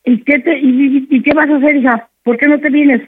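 A woman's voice: high voice, fairly even intonation, fairly quick, close to an everyday voice. A woman playing a worried mother on the phone who fires off questions and scolds, in a radio comedy sketch. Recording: dull noisy radio phone line.

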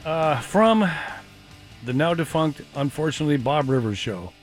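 Lively, laughing radio host man. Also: a little high, moderate pace, faint music behind. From Washington State. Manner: lively, jokey, laughs often. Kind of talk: casual radio chat.

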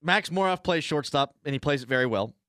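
Joking sports radio host, dry studio. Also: male voice, a little high, animated, fairly quick, a bit bright, clear, resonant tone, no room sound. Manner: joking, opinionated. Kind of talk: casual sports radio chat.

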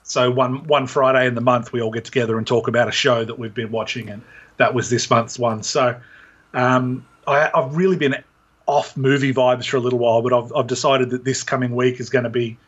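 A man's voice: mid-range voice, fairly even intonation, brisk, fairly bright tone, slightly rough, dull audio. A man co-hosting a podcast, chatting casually with dry humor and plenty of fillers. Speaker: podcast co-host. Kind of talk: casual chat.

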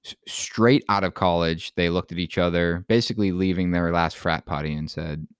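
A male podcast co-host in casual banter, joking and quick to riff on ideas. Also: sits low, smooth, dry recording, studio quality.

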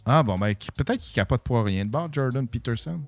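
A man's voice: medium pitch, lively intonation, fairly quick, no echo, soft background music. A man with a Québécois French accent in casual chat, rambling and trailing off with fillers.

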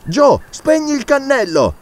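Man voicing a bossy adventurer doctor, higher lively voice, audiobook. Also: measured pace, exaggerated voice. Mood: urgent. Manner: urgent, commanding shouts. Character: bold male doctor, balloon expedition leader.

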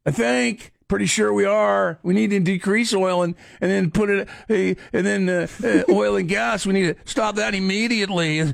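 A man's voice: high-pitched, fairly even intonation, normal speed, gravelly, hardly any pauses, no echo, clean studio sound. A man mimicking a know-it-all commenter who rambles and stammers with lots of fillers. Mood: mock-earnest. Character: bumbling know-it-all man online, unsure of himself.

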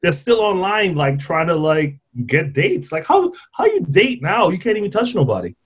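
Husky, animated man cracking jokes. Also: sits high, moderate pace. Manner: animated, laughing, jokey. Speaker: podcast co-host. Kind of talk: casual podcast chat. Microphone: video call.

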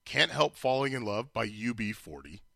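A man co-hosting a podcast in casual banter, teasing and animated. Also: mid-range voice, normal speed, gravelly, no room sound, studio quality. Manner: animated, teasing, bursts into loud laughter. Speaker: podcast co-host.

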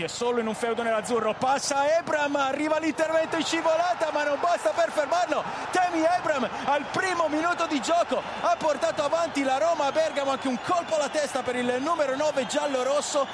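A man giving excited live play-by-play commentary on a football goal. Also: extremely high pitch, a little fast, few pauses. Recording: crowd and noise behind commentary.

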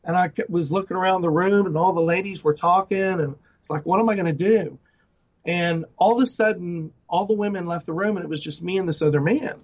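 A man's voice: sits high, a little fast, hardly any pauses. A middle-aged man giving his personal testimony in an interview, earnest, with many restarts and fillers. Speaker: guest ministry director. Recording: dull lo-fi sound.

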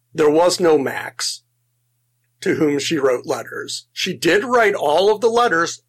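A man's voice: on the high side, fairly bright tone, slightly rough. A man co-hosting a casual film podcast, enthusiastic, laughing often and restarting his sentences as he talks. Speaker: podcast co-host.

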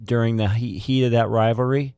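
A man's voice: mid-range voice, fairly even intonation, a little fast, vocal fry, warm tone, smooth, no room sound. A man giving casual, conversational sports recollections as a radio panelist. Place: radio studio.

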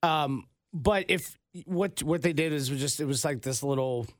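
Radio guy cracking jokes, kinda high voice, stop-start storytelling, dry mic. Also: dry recording. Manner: jokey, halting storyteller. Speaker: radio show co-host. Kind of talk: casual radio banter.

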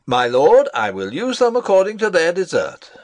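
A man's voice: sits high, huge pitch swings, moderate pace, no room sound. A man playing a fussy, pompous elderly male courtier in a stage play reading.

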